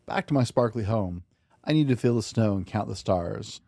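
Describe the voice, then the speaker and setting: A man plays a small, innocent storybook owl, eager and earnest. The voice is soft-toned and mellow, that of a generous little dreamer, recorded dry. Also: fairly low pitch, lively intonation, moderate pace, gravelly, no echo.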